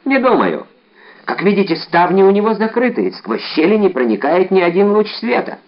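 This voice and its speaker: A smug, petty middle-aged townsman, as a male reader voices him. He talks with self-satisfied ease, sometimes pitched higher. The audio sounds a little dull. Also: sing-song, a little fast.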